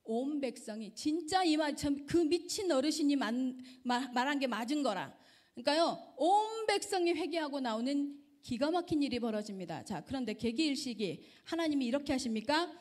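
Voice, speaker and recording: A middle-aged woman missionary preaches to a youth group with a high, lively voice. She keeps throwing questions at her listeners and swings her pitch widely. Her delivery is animated and engaging. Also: moderate pace. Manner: animated, keeps quizzing the audience. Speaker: missionary guest speaker.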